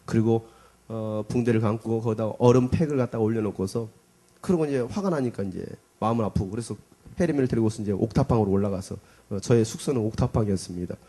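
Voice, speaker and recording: This South Korean pastor, middle-aged, speaks quickly in a husky, somewhat low voice. Recounting a personal experience in a sermon, he brings it to life by acting out the people's words and cries.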